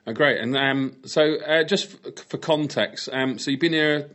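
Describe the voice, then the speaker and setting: A man's voice: a little high, a little slow, fairly bright tone. A man hosting an education podcast, asking friendly questions with many ums and restarts. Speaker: podcast host, interviewer. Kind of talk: casual interview.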